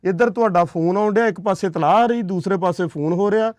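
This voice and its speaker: A man's voice: high-pitched, fast, a little mellow, dry recording. A man talking earnestly to a family as he hands over aid money, reassuring and preachy, often checking with short questions. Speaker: charity worker handing over aid. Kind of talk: earnest on-camera talk.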